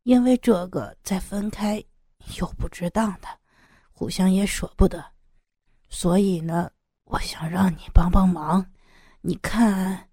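A woman's voice: medium pitch, unhurried, mellow, no room sound, clean studio sound, natural voice. A woman voicing a desperate middle-aged man who sighs heavily and stammers through his pleas, in an audiobook story. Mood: sighing. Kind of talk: audiobook character voice.

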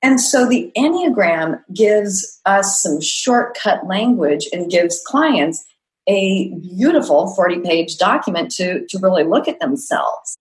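A middle-aged woman coach speaks in an earnest, reflective way, often listing traits in a measured cadence. Her voice sits at an ordinary middle pitch for a woman. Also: lively intonation, rough recording. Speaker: executive coach. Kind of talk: podcast interview answers.

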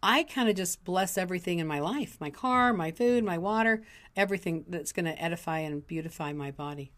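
Woman co-host, voice a bit raspy today, low pitch, affirming. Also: a little fast, fairly bright tone. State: slightly raspy voice. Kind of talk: casual chat.

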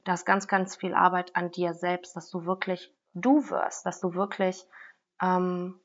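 A woman in her late thirties, a business mentor talking as a guest in a casual interview, lively and quick to laugh. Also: on the low side, lo-fi sound. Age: 30s. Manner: lively, laughs often, talks with her hands.

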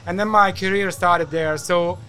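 Middle-aged Hungarian man, fairly high voice. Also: steady tone, normal speed, sharp tone, soft background music. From Hungary, partly raised in Algeria. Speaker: podcast guest, event design entrepreneur. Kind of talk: conversational interview answers.

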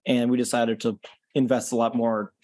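On a casual interview, a laid-back man who organizes concerts talks as a podcast guest, explaining things unhurriedly at a normal speed. His mid-range voice is full of "um" and "you know," and he often starts sentences over. The recording is close and dry, with almost no room sound and no echo.

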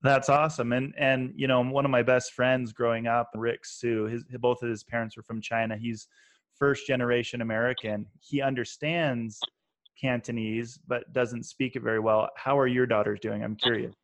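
A man's voice: medium pitch, flat delivery, moderate pace. Male host in his thirties, friendly and affirming, mid-range voice. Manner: friendly, affirming, stacks up questions. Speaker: podcast host, investor. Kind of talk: conversational interview.

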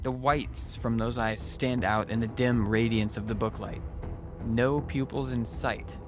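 A man with a mid-pitched voice narrates a scary story in the first person. It is a scripted storytelling read, with clearly audible music underneath. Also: fairly even intonation, a little slow.

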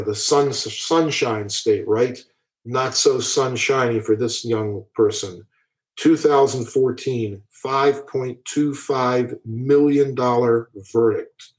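A man reading out court cases at a slow, deliberate pace, breaking off now and then with blunt, indignant remarks of his own. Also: mid-range voice, poor audio. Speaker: commentator on school bullying cases. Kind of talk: talk.

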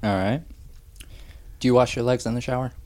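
A man's voice: mid-range voice, fairly even intonation, brisk, a little mellow. A man hosting a podcast, asking casual interview questions in a laid-back, teasing way. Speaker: podcast host. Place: indoors at a dining room table at home.

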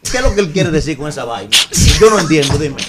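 A man's voice: fairly high pitch, expressive, racing, slightly rough. A Dominican man hosting a radio talk show, telling a teasing story in a playful way. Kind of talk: joking talk show banter.

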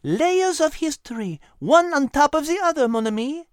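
Man putting on a high, lilting French voice for a sharp, warm-hearted little animal girl in a storybook, swooping up and down as she puzzles things out. It is dry and close, with no room around it. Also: expressive, dry recording. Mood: excited. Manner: marveling, quick to piece things together. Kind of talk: storybook character voice.

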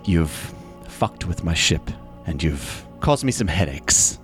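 A man's voice: sits low, animated, slow pace, over music. A man voicing a gaunt, cold, smug male villain in a tabletop game, speaking in a mocking, menacing way. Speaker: villain played by the game master.

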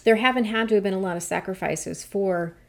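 Woman co-host, casual podcast, earnest and impassioned, middle pitch. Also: a little fast, gravelly. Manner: earnest, builds to impassioned points. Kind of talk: casual chat.

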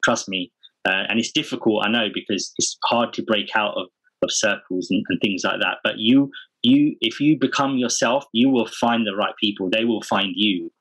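A man's voice: fairly low pitch, normal speed, a bit bright, husky, low-quality recording. A man speaking earnestly and informally as a guest in a casual podcast interview. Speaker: podcast guest, parenting community founder.

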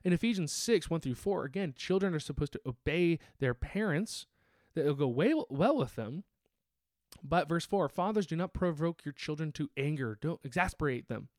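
A young adult man preaching in a sermon, his voice sitting a little high. He talks earnestly and plainly, restarting and repeating phrases as he goes. The sound is close and dry, with almost no room echo. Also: expressive, moderate pace, a little mellow. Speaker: pastor. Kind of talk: sermon teaching.

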